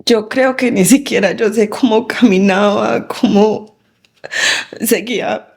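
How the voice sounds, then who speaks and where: A woman, recounting a painful memory in an interview, halting with frequent pauses. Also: medium pitch, creaky, darkish tone, slightly rough. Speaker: victim's daughter. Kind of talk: interview testimony.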